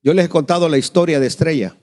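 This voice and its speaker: This middle-aged pastor talks fast in a slightly high voice, preaching through a lively family story. Along the way he acts out each voice and turns to the congregation with questions.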